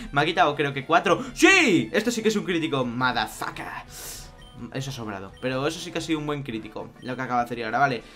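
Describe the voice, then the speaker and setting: A young man with a Spain Spanish accent commenting on his own gameplay, excitable, swinging from mumbled asides to loud outbursts. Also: medium pitch. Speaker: let's play youtuber. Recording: faint music behind.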